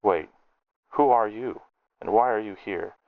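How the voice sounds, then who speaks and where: A man's voice: low voice, brisk, vocal fry, no echo, narrow, tinny audio. A man voicing a cranky male gnome alchemist who rants and snaps in furious tirades. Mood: snappish, blustering.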